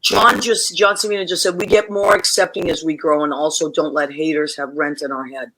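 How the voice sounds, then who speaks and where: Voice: mid-range voice, fairly even intonation, fairly quick, sharp tone. A host in their forties, chatty and enthusiastic, asking questions in a casual interview. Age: 40s.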